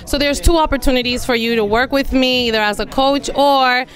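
A woman in her forties who works as a life and business coach gives an earnest event interview testimonial into a handheld mic, using many fillers, in an indoor room against a plain wall. Her high, fairly bright voice is fairly quick, and the audio quality is poor.

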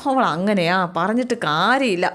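A doting old grandmother, put on by a woman narrator, coaxing and pleading from her bed. She scolds softly and comforts the girl she relies on. The voice sits close to the reader's own middle-range talk. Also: medium pitch, normal speed, natural voice. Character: worried old grandmother, bedridden, fond.

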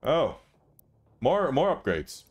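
A man hosting a let's play, commenting on his gameplay in an excitable, profane way with laughs and yelps. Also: medium pitch, takes it slowly, slightly rough. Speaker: gaming channel host.

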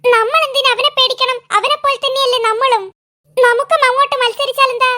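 A squeaky, very high little cartoon boy, voiced by a woman, full of bluster and quick to boast. His tone is bright and sharp. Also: fairly even intonation. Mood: urging. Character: bold hot-headed little boy. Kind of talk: cartoon voice acting.

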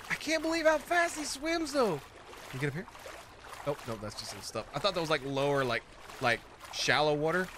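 A young man hosting a gaming video, talking casually and excitably as he plays and reacts. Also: on the high side, brisk, background noise. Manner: excitable, jokey, exclaims often. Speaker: gaming channel host. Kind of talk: let's play commentary.

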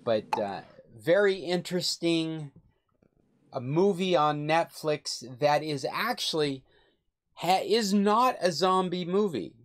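A man's voice: fairly high pitch, expressive, takes it slowly. Older man, club host, video call, rambling, enthusiastic, self-correcting. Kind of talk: casual recommendation chat.

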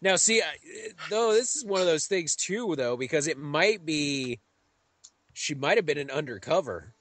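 A man's voice: fairly high pitch, expressive, normal speed, a bit bright. A man co-hosting a podcast, joking in crude casual banter. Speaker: podcast co-host.

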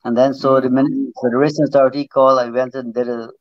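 Telling his life story as a video-call guest, this middle-aged former jockey, Trinidadian with a Guyanese upbringing, rambles on and keeps repeating words. He speaks quickly in a flat, medium-pitched delivery with no room sound, and the audio is slightly dull.

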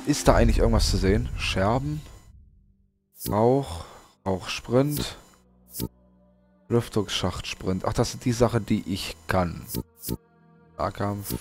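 A man's voice: fairly low pitch, breathy edge. A man hosting a let's play with casual commentary, muttering to himself as he plays.

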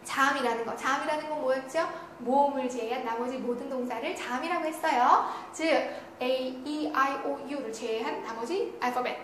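Female grammar teacher with a high voice and a heavy room echo who asks and answers her own questions. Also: normal speed, few pauses, fairly bright tone. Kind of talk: online grammar lecture. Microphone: studio lecture recording. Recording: very echoey room with faint noise.

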